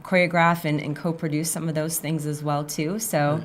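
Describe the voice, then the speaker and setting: A woman's voice: sits low, flat delivery, moderate pace, a little hiss or hum. A woman guest, a choreographer and producer, chatting in an interview with lots of fillers and restarts. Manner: chatty, many fillers and restarts, laughs easily. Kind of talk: casual interview chat.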